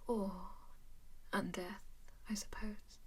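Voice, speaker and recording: In an ASMR roleplay, a woman plays a centuries-old vampire lady who speaks in a soft, doting, breathy whisper at medium pitch and never hurries. Genteel and possessive, the character schemes calmly while fussing over her charge, all in a gentle mood.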